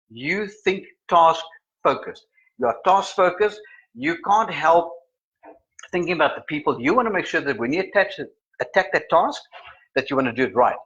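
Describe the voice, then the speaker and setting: A middle-aged man, teaching a live-streamed lesson and acting out examples in voices. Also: on the high side. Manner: animated, acts out examples in voices. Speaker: personality trainer. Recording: slightly muffled sound.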